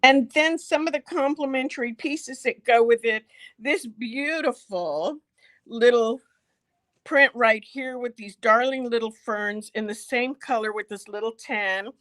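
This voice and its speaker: A woman's voice: on the high side, measured pace, fairly bright tone. Chatty, giggly middle-aged woman shop host. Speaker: quilt store host. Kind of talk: casual live product show.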